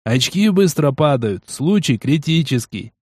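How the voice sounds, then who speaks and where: A man's voice: fairly high pitch, expressive, measured pace, dry recording, clean studio sound. A man voicing an exhausted, sweating male surgeon in an audiobook, strained and wheezing. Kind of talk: audiobook character voice.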